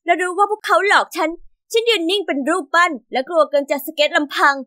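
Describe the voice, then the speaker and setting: A young woman giving scripted first-person narration of an animated story, earnest and close to the mic. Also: very high-pitched, quick pace, no echo.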